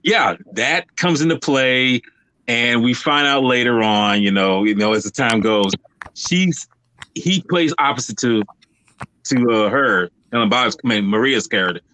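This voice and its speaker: A man's voice: mid-range voice, a little slow, pushed and bright, a little hiss or hum, poor audio. A man casually discussing a film on a livestream, rambling with many fillers and restarts. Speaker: podcast co-host.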